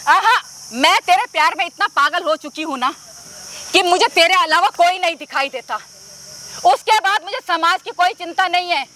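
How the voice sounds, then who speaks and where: A woman's voice: very high voice, moderate pace, sharp tone, a little hiss or hum. A woman playing a pushy scheming mother-in-law. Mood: insistent. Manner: pushy, taunting, insistent. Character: scheming middle-aged mother-in-law, brazen and domineering. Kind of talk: amateur skit acting.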